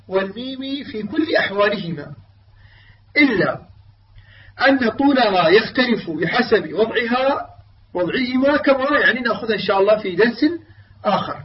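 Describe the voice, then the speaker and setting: Male tajweed teacher, high voice, hesitant explainer who slowly demonstrates recitation; distant, dull lo-fi recording. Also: a little hiss or hum. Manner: explains with many filler sounds, then slowly demonstrates recited words. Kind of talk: tajweed lesson. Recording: distant mic, dull lo-fi sound.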